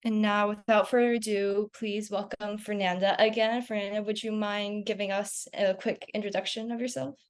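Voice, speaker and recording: A woman with a mid-range voice hosts an online webinar over a video call. She reads introductions and questions in a steady way and answers with short affirmations. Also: medium pitch, normal speed, hardly any pauses. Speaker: webinar host. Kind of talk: webinar hosting.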